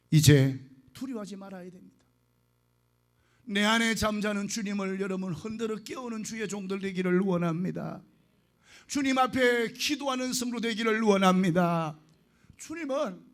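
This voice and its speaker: High-voiced man preaching emphatically. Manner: emphatic preaching with call-and-response prayers; volume swings from soft to loud. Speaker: pastor. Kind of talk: sermon.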